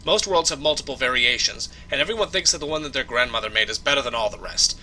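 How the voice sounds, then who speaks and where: A man's voice: mid-range voice, animated, quick pace, sharp tone, slight background noise. A man voicing a world-weary male bartender at a busy space trade station, speaking dryly and patiently. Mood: lecturing. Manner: dry, patient, lecturing.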